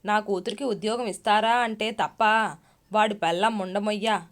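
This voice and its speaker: A woman's voice: mid-range voice, fairly even intonation, moderate pace, natural voice. Storybook role: shrewish middle-aged mother, harsh and scolding, read by a woman narrator. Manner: harsh, cursing, shouting.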